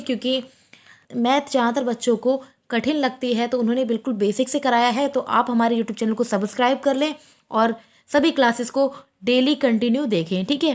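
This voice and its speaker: A young woman with a high voice teaches an exam-prep class. She goes over each point more than once and puts questions to her students that she answers herself. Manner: repeats points and asks then answers her own questions.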